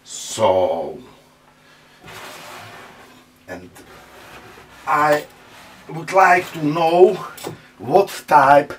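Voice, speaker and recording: A Czech man hosts his own channel, casually demonstrating vintage speakers laid out on a table. His English is halting, and he keeps pausing on "uh" while searching for words. His voice sits on the high side and is very animated, with a little hiss or hum in the audio.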